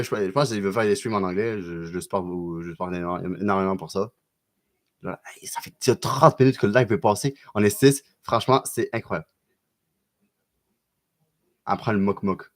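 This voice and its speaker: A man with a Québécois accent chatting casually on a live stream and answering viewers, loose and slangy with lots of quick restarts. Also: lowish voice. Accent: Québécois French.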